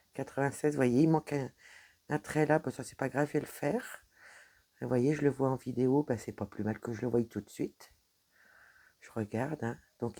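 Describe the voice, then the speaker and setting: With a French accent, a woman sits at her home desk showing off her cross-stitch progress in a casual show-and-tell vlog, rambling and tripping over her words. Her bass voice is dark and slightly rough.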